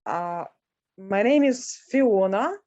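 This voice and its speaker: A woman's voice: medium pitch, expressive, slow pace, darkish tone, no echo, highs cut off. A woman taking part in an online workshop, giving plain, careful answers. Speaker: workshop participant. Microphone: video call.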